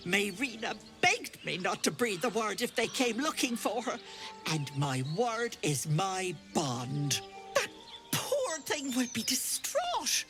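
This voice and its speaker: Sweet old auntie hag, wildly swooping high voice. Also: female voice, wildly swooping pitch, takes it slowly, a bit bright, faint music behind, full character voice. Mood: sorrowful. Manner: folksy, cloying endearments, turning sternly bossy. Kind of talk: video game character acting.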